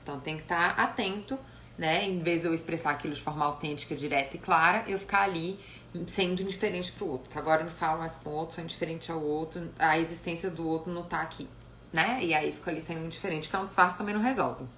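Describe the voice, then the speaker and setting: Emphatic woman with a bright, echoey voice. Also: low-pitched, quick pace. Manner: animated, emphatic, frequent "né?" tag questions. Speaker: psychologist. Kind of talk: live-stream talk on emotions. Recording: echoey room with faint noise.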